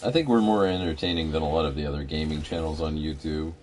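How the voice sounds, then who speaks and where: A laid-back man talks casually while gaming, his voice sitting very low. He reads out item stats in an easy way, and a faint hiss runs under the recording. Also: fast talker, darkish tone. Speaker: gamer. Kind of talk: casual gameplay chat.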